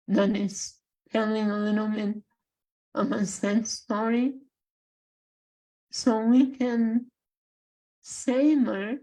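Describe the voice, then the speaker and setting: Slow-speaking Bulgarian woman. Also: on the high side, dark tone, rough recording. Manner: measured, halting phrasing with long pauses. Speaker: guest, life coach and spiritual guide. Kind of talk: slow reflective interview talk.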